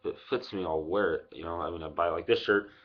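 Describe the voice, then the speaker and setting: A man's voice: sits low, quick pace. A man in his twenties giving a casual, unscripted review with swearing, talking with a lip packed full of dip into a webcam mic. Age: 20s. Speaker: product reviewer vlogger. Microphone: webcam microphone at arm's length. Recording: dull lo-fi webcam audio.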